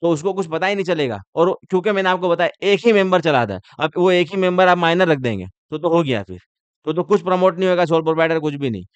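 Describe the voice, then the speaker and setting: Male law lecturer, fairly high, smooth voice, playful and teasing, dry close recording. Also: animated, fast talker, no room sound, lo-fi sound. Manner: teasing, asks the class rhetorical questions. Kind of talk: joking classroom lecture.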